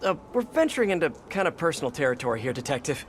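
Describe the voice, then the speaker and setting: A man's voice: fairly high pitch, sing-song, rapid-fire, a little hiss or hum. An American man playing a quippy, earnest young superhero in a video game, talking in a wry, casual way. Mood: guarded, regretful. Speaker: video game lead character. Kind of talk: video game voice acting, conversational.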